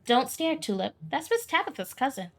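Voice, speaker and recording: A woman voicing a gentle young mother quietly hushing her child. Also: high voice, very animated, moderate pace, heavily acted.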